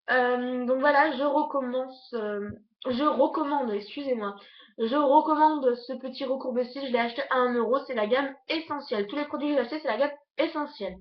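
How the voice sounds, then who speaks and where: A young woman, a beauty vlogger, rushing through a casual makeup haul on her bed at home, chatting with lots of fillers. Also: high-pitched, highs cut off. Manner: hurried, chatty, many fillers. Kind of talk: casual product review.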